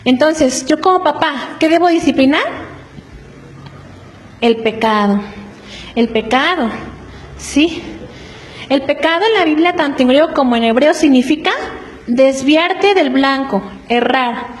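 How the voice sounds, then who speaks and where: A woman preaching to a congregation in an earnest, explanatory way, often checking in with quick rhetorical questions. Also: high-pitched, rough recording. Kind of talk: church teaching on family.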